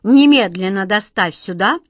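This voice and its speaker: A woman's voice: a little high, animated, unhurried, no echo, studio quality. A woman playing a fretful, whiny fairy-tale king who barks orders and frets over his health. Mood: commanding. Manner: whiny, commanding, easily flustered.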